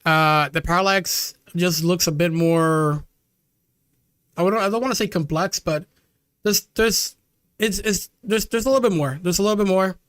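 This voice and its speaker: A man's voice: high-pitched, moderate pace, fairly bright tone, clear, resonant tone, dry recording, clean studio sound. A young man streaming live, chatting loosely with his viewers and calling them "dude" and "chat".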